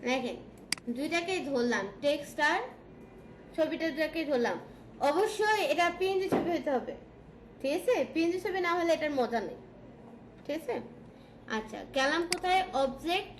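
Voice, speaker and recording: A woman with a Bangladeshi Bengali accent teaching a design software class, checking in often with her students. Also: sits high, animated, moderate pace, long pauses. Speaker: design tutor. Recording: echoey room with background noise.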